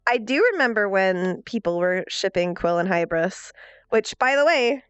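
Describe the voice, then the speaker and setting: Casting: female streamer, mid-pitched nasal and congested voice, casual, self-mocking, expressive; slightly muffled recording. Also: moderate pace, smooth, no echo. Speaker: livestreamer and role-player. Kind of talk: casual livestream chat.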